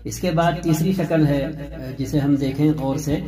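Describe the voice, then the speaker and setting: A man's voice: fairly high pitch, steady tone, warm tone, faint music behind. Man patiently teaching an Urdu script lesson. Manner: patient explaining, repeats points with fillers.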